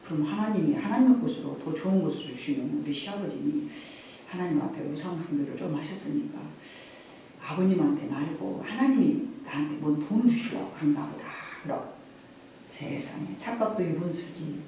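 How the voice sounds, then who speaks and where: A woman's voice: low voice, animated, fairly quick, warm tone, distant mic, a little hiss or hum. A middle-aged woman pastor preaching a sermon, rising in emphatic swells and dropping to confiding storytelling. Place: church sanctuary. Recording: very echoey church hall, from afar.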